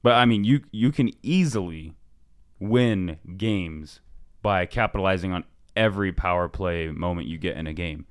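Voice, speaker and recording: A man's voice: low voice, moderate pace, dry recording, clean studio sound. A man co-hosting a casual sports podcast. He speaks in an easygoing way, with many fillers, and often trails off. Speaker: co-host.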